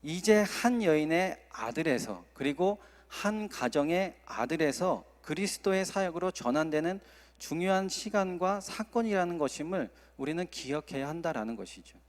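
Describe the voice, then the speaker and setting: A man's voice: on the high side, animated, normal speed, hardly any pauses. Pastor guy giving a friday sermon, acts out the quotes, big church echo. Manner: earnest preaching, acts out quoted dialogue. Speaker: associate pastor. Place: church sanctuary. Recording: long church hall reverb.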